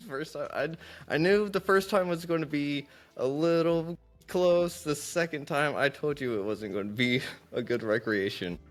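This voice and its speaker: A man's voice: fairly high pitch, measured pace, hardly any pauses, faint music behind. A man hosting a podcast interview, talking in a friendly, candid, conversational way. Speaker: podcast host. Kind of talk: casual interview chat.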